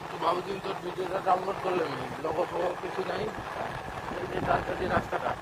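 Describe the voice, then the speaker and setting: A high-pitched man talks quickly in casual conversation while out on a motorbike. Loud wind on the mic and vehicle noise surround his voice. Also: little pitch movement. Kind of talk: casual chat. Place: outdoors on a moving motorbike.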